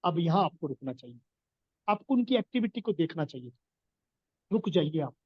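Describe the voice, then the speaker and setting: A man's voice: on the high side, very animated, moderate pace, dry recording, highs cut off. A man giving an earnest business coaching talk, explaining his points and repeating key phrases for emphasis. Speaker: business trainer.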